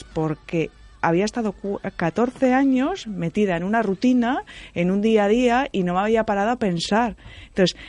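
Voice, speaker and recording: A woman's voice: medium pitch, a little mellow. A woman with a Spain Spanish accent, a radio presenter who also teaches, chatting personally with her guest. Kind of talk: radio chat.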